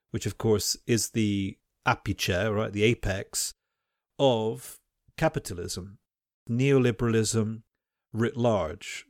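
A man's voice: on the low side, no room sound, studio quality. A man who teaches at a university, talking in a thoughtful, academic way, often restarting his phrases. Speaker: podcast host and university teacher. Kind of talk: reflective conversational discussion.

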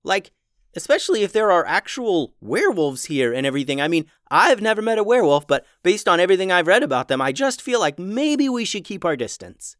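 A man doing a nervous, high-voiced young kid. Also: sing-song, fairly bright tone, no room sound, studio quality. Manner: rambling and nervous, talks fast. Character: eager chatty young kid apprentice.

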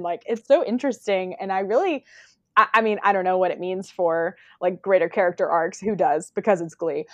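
A woman's voice: mid-range voice, a little mellow, dry recording, dull audio. A woman with a mid-range voice co-hosts a casual podcast, recorded dry and close. She rambles eagerly, stacking up "like" and "yeah.". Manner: enthusiastic, rambling with many fillers. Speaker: podcast co-host.

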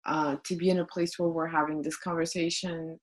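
A woman from Belgium speaking as a podcast guest in a casual interview, searching for words with frequent pauses. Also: deep voice, level tone, poor audio. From Brussels, Belgium. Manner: searching for words, many fillers.

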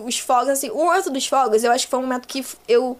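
A young woman with a Brazilian Portuguese accent, a podcast guest telling an anecdote in a casual, animated way and acting out the dialogue herself. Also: sits high, very fast. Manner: animated, acts out quoted dialogue, swears casually.

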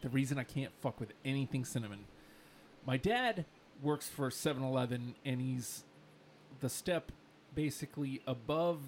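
A man's voice: mid-range voice, expressive, slight background noise. A young man in his twenties co-hosting a casual podcast, telling a loose story with swearing and asides. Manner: laid-back, swears, quick asides. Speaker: podcast co-host. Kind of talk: casual chat.

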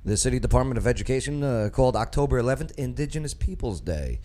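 A man's voice: medium pitch, animated, quick pace, mellow. A man with a New York accent hosting casual talk radio, rambling with lots of fillers and restarts. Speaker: radio show host.

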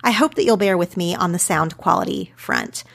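A woman in her thirties with an Oklahoma accent introduces her podcast episode earnestly and reflectively before moving into conversation. Her voice is fairly low and creaky, with lively intonation and a moderate pace.

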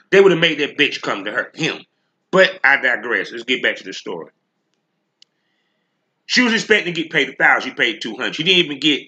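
A man's voice: on the high side, sharp tone. A man hosting a solo podcast rant, speaking bluntly and emphatically with heavy slang and profanity. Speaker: podcast host.

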